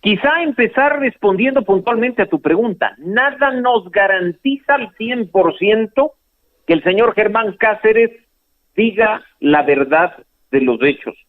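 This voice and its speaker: Calling into a radio show by phone, a male lawyer explains legal points calmly, with only the occasional hesitation. His voice sits high and animated, at a measured pace. The phone line sounds dry and tinny, with no room sound.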